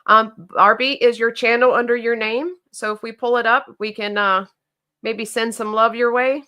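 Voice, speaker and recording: With a fairly high, pushed and bright voice that is clear and resonant, a Southern-accented woman co-hosts a knife company livestream at normal speed and fairly even intonation. She casually discusses viewer comments, with plenty of fillers and restarts.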